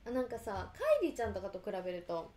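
A young woman, chatting casually with teasing, quick reactions to her companions. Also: mid-range voice, mellow. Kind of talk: casual banter on a drinking livestream. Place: small indoor studio lounge with sofa. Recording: echoey small room.

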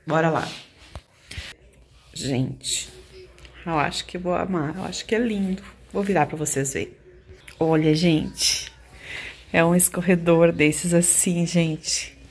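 A woman's voice: lowish voice, steady tone, takes it slowly, pauses often, a little hiss or hum. A woman in her forties filming a casual unboxing vlog in her home kitchen, chatting to her viewers. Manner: chatty, addresses viewers as "gente". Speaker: home vlogger. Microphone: handheld phone camera.

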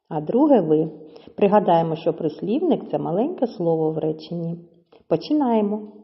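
A woman's voice: lowish voice, big-room sound, highs cut off. A woman teaching young children, patiently stretching words out syllable by syllable.

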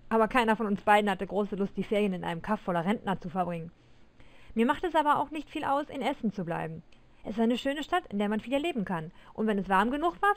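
A woman reading a first-person story aloud in an expressive, measured way. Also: fairly high pitch. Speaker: reader of her own story.

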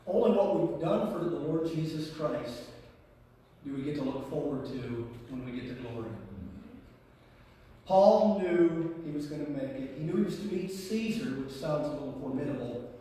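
A man's voice: on the high side, animated, normal speed, warm tone, slight background noise. A man with an American Midwest accent preaching a sermon as pastor, with rising emphasis and folksy asides. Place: church sanctuary. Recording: echoey hall from far off.

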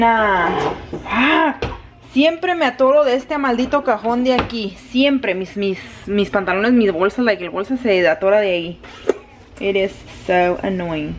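A woman's voice: fairly high pitch, background noise. Vlogger lady just chatting while she cooks, switches to a lot, pans clanking in the background. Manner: chatty, mixes English fillers into Spanish. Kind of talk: casual vlog chat. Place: home kitchen.

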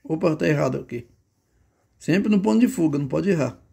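Brazilian male drawing teacher, chatty and gravelly, on a handheld phone. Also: a little high, expressive, fairly quick, background noise. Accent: Brazilian Portuguese. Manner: chatty, talks to himself while drawing. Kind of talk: casual drawing lesson.

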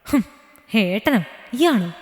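A woman voicing a defiant, sharp-tongued young woman who speaks with mocking scorn. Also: fairly high pitch, lively intonation, slow, reverberant, in a large hall. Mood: scornful.

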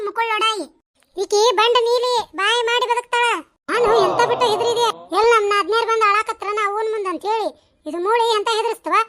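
Woman voicing shrill, sharp-tongued village gossips for a cartoon, North Karnataka Kannada accent, dry recording. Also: no echo. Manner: quick scolding village banter, exclamatory. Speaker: voice of a cartoon series.

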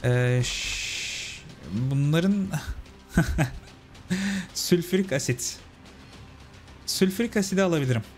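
A man's voice: on the high side, expressive, slow pace, long pauses, soft background music. A young man giving casual let's-play commentary, chatting with his viewers as friends. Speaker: gaming channel host.

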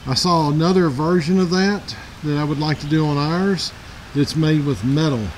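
Recorded outdoors on a handheld camera, this casual walkthrough vlog has a Middle Tennessee man in his forties, host of an outdoors channel, touring his backyard in a rambling, plainspoken, self-correcting way. His voice is a little high at normal speed, on a rough recording with slight background noise.

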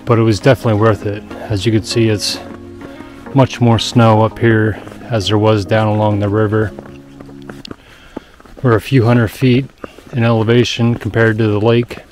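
Man, low voice, flat and even delivery, casual hiking vlog, outdoors in snowy woods, faint wind noise. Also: moderate pace, soft background music. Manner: relaxed, matter-of-fact trail commentary. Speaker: hiker narrating his own trail video. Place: snowy forest trail outdoors.

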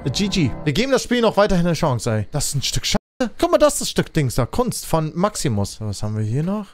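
A young man with a high voice that swings wildly up and down. He jokes, yells and laughs his way through a horror game. Game music plays clearly underneath. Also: huge pitch swings, brisk. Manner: loud, jokey, shouts and mock screams. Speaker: gaming streamer. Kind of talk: excited gameplay commentary.

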